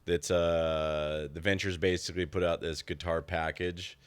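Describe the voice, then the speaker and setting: A man who makes documentaries, a podcast guest explaining his project in a relaxed, keen way. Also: deep voice, unhurried, clean tone. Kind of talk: casual interview chat. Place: small stuffy room.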